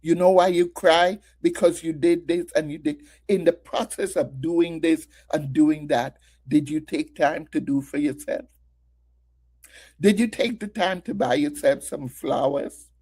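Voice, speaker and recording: A woman's voice: sits low, unhurried, mellow, slightly rough. A middle-aged woman preaching a Mother's Day sermon, asking her listeners many rhetorical questions and sharing her own story. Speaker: women's ministry speaker.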